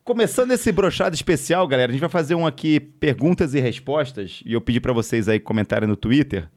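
A man's voice: medium pitch, animated, quick pace, darkish tone. A man with a Brazilian Portuguese accent hosting a podcast in casual, joking chat, swearing freely. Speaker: podcast host.

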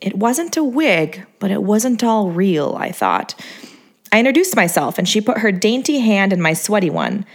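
A woman's voice: medium pitch, sing-song, normal speed. A woman narrating her memoir in a wry, self-mocking tone.

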